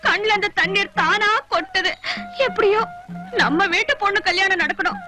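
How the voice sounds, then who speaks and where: An actress playing a caring, earnest young daughter-in-law who pleads tearfully, heard on an old film soundtrack with music. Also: female voice, very high-pitched, moderate pace.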